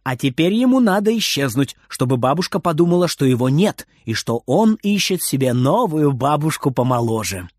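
Lively male storybook narrator. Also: on the high side, moderate pace, few pauses, no room sound, clean studio sound. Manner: lively expressive reading, rising on exclamations. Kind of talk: storybook reading.

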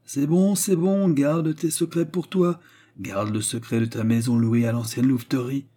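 A man's voice: medium pitch, little pitch movement, fairly quick, warm tone, lightly acted. A man voicing a scheming, garrulous old male baron who needles his son, in an audiobook reading. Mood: needling. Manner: sly, needling, boisterous. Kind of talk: audiobook character voice.

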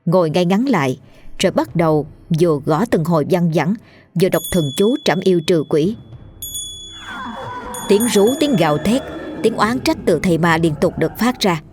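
A woman with a Southern Vietnamese accent narrating a ghost story in a lively, colloquial storytelling manner. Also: fairly low pitch, normal speed, soft background music.

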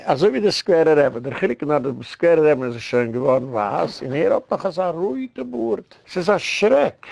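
A gravelly-voiced man, a rabbi, holds forth in an informal lecture. He sounds close and dry, with no room around him. He retells news with incredulous exclamations and scoffing asides, sprinkling in English words. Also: medium pitch, darkish tone, no room sound. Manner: mixes English words into his speech.

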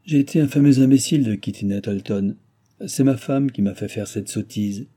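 A man's voice: normal speed, mellow, close to an everyday voice. A man doing a grave, brooding middle-aged lawyer. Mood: confiding. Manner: low, grave voice.

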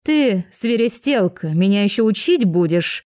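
A woman's voice: fairly low pitch, steady tone, a little fast, warm tone, no room sound, studio quality, close to an everyday voice. A woman voicing a jealous, spiteful young mother who gloats and rants.

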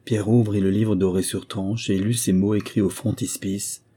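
A man calmly narrating a fairy tale audiobook in a measured storytelling manner. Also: on the low side, husky.

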